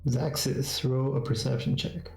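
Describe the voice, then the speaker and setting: A man narrating a tabletop role-playing game as game master, halting and repeating phrases as he goes. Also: mid-range voice, level tone, creaky, noisy background. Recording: roomy echo, faint music behind.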